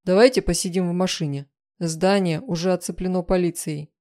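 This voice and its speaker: A woman reading a calm, dutiful male bodyguard. He speaks politely but firmly, in a low, mellow tone. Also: fairly quick, close to an everyday voice. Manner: polite and firm.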